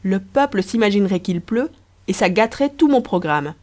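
A woman voicing a playful, scheming young empress who speaks in a lively, persuasive, teasing way. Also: medium pitch, normal speed, natural voice.

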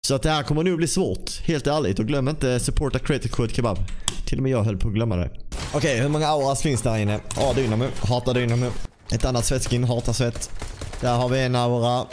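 A young man giving casual gaming commentary as a YouTuber, sing-song and animated, breaking into frustrated shouts. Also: mid-range voice, slight background noise.

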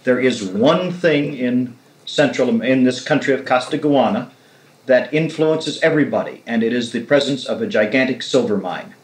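This is a 1969 tape of a man interviewing an author, his medium-pitched voice moving at a moderate pace through long, reflective musings on novels. The recording is reverberant and of low quality.

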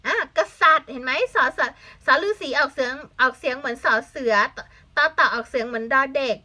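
A young woman teaches children, her voice bright and a little high. She spells each word letter by letter, patiently asks the class for answers, and slips in short English glosses. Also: brisk. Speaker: Thai language teacher. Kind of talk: online language lesson for children.

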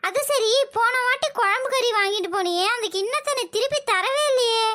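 A woman's voice: very high voice, brisk, bright, forceful tone, slight background noise. A woman voicing a bossy older mother-in-law who scolds and nags. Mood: scolding. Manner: scolding, nagging.

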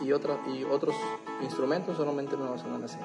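Gravelly man explaining a keyboard, halting. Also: medium pitch, steady tone, rough recording. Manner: halting, lots of fillers and restarts, explains step by step. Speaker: keyboard tutorial host. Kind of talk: casual demo tutorial. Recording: loud keyboard music behind.

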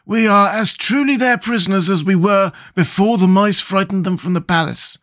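A man's voice: high voice, moderate pace, a bit bright, voice pushed up. A man voicing a thoughtful, mild-mannered living scarecrow in a children's storybook. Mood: thoughtful, quiet.

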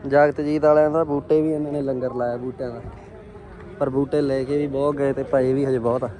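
A vlog host at an outdoor farm machinery fair chats to his viewers like friends in a mellow, medium-pitched voice. His tone is level and he talks a little fast, with engines and vehicles heard around him.

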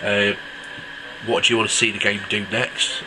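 Talking at a moderate pace in a somewhat low voice, a man with a head cold casually reviews a mobile game, his speech loose and dotted with ums. This app reviewer's recording is low quality and has loud game music in the background.

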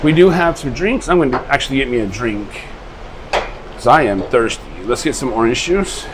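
A man with an easygoing, rambling manner walks through a buffet restaurant and talks into a handheld camera. His pitch sits in the ordinary middle range for a man. Clear background noise from the dining room runs under his voice. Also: lively intonation, moderate pace. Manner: easygoing, rambling tour talk. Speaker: travel vlogger. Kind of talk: casual walkthrough narration. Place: ship buffet restaurant, indoors.

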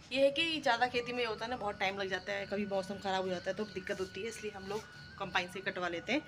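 A woman's voice: medium pitch, a bit bright, a little hiss or hum. Chatty Uttarakhandi woman vlogging farm life. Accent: Uttarakhand Hindi. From India. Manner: chatty, explains farm work step by step. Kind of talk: casual village vlog narration. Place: outdoors by rice fields and farmyard, then home kitchen. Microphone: phone camera, often held at arm's length.

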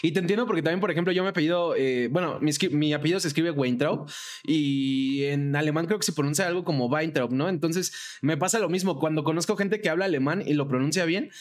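A man's voice: a little high, fast, few pauses. A man with a Mexican accent hosting a casual interview podcast, asking long rambling questions full of fillers. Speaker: podcast host.

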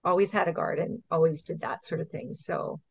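With a steady tone, vocal fry and a slightly rough edge, a middle-aged Hawaiian woman talks a little fast in a voice on the low side. The guest, an invasive species program manager, gives casual interview answers from home, explaining earnestly and stepwise with the odd laugh. The video call audio is dull and dry, without echo.

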